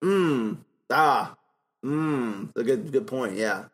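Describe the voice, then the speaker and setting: A man's voice: mid-range voice, expressive, extremely slow. A man co-hosts a casual film podcast. He recaps scenes in a loose, rambling way, full of fillers and small laughs. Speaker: podcast co-host.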